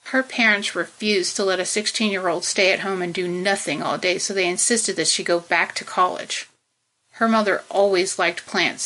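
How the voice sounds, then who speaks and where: Audiobook narrator: woman, lowish voice with a bright, forward edge, steady measured read. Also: low-quality recording.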